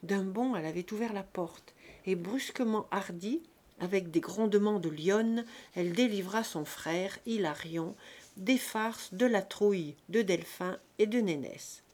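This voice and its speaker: A woman narrating an audiobook of a classic novel in a calm, measured reading voice. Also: medium pitch. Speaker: audiobook reader.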